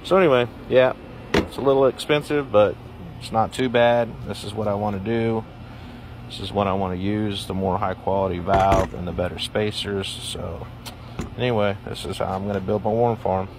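Male DIY vlogger, deep voice, easygoing rambling delivery, outdoor phone recording with steady background noise. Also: moderate pace. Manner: relaxed, plain-spoken, rambling with fillers. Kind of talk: casual how-to explanation. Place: outdoors in a yard.

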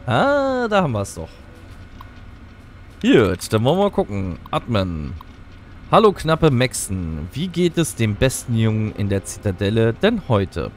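A man's voice: mid-range voice, huge pitch swings, a little slow, slight background noise. A man playing a video game and playfully reading its in-game texts aloud, with theatrical flourishes. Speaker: let's play gamer.

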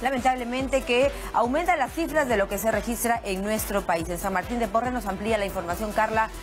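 A woman's voice: a little high, fairly quick, over music. A woman from Peru presenting the news in a TV studio, formal and composed. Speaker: news anchor.

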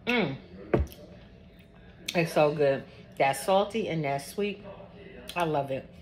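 A woman's voice: deep voice, slow, a crowd in the background. Chatty woman vlogging a food tasting. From Georgia, US. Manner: chatty, tastes on camera with mouth full. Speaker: cooking channel host. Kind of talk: casual food-tasting vlog. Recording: audible background noise.

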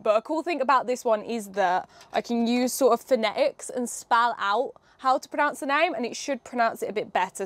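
A woman's voice: fairly high pitch, a little hiss or hum. A young woman hosting a casual hands-on demo, chatting and explaining each step with a few fillers. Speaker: host.

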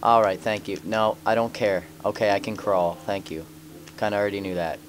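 A man's voice: fairly low pitch, steady tone, normal speed, slight background noise. A man giving casual let's play commentary, cracking jokes and talking back at the game characters. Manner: joking, wisecracks at game characters.

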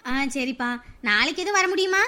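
A woman's voice: very high voice, animated, a little fast, sharp tone, exaggerated voice. An actress playing an older village mother-in-law who dotes on her son and taunts her daughter-in-law.

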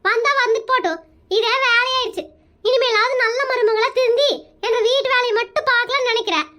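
A sharp-tongued village housewife, as a woman voices her in a cartoon, speaking. Her voice is very high and bright. She talks in a brusque, scolding way, with little patience. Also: fairly even intonation, fairly quick. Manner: brusque, scolding, matter-of-fact. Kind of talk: cartoon comedy voicing.

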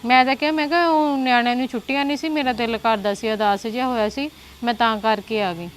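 A woman playing a hurt married sister who speaks softly and then turns sharp and defiant. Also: a little high, fairly even intonation, quick pace, faint music behind, close to an everyday voice. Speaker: married sister visiting her brother. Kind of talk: village family drama acting.

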